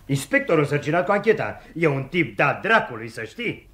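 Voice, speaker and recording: A man's voice: a little high, big pitch swings, fairly bright tone. An actor playing a cheeky, teasing male police agent in 1960s radio acting on an old recording. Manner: teasing, wisecracking.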